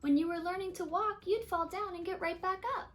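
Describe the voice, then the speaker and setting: Woman voicing a gentle, high-pitched storybook dad. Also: fairly even intonation, fairly quick, soft background music. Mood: reassuring. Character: gentle, questioning father in a children's storybook.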